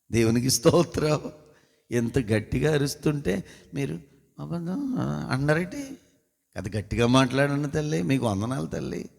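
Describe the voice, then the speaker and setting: A man's voice: sits high, a bit bright. A man preaching a sermon as pastor, questioning the congregation and calling for responses in a church hall. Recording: long hall reverb.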